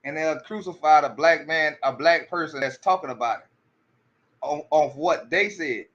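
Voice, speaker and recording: A man talking in casual commentary with a slightly high, bright and forceful voice. He stammers through restarts and keeps repeating rhetorical questions. The audio sounds a little muffled and lo-fi. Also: normal speed. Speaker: commentary streamer.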